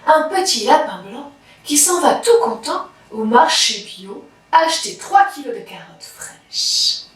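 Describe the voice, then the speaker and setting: A woman reading a children's story aloud, slowly and deliberately with dramatic pauses. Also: on the high side, huge pitch swings, fairly bright tone. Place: library. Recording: very echoey room, from far off.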